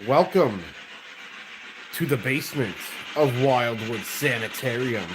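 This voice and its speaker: A man's voice: medium pitch, slow pace. A man co-hosting a live ghost hunt, chatting casually with viewers and his fellow investigator. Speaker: paranormal investigator and livestream co-host. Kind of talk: casual livestream chat. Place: sanitarium basement. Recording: clear rasping spirit box static behind. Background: raspy static noise.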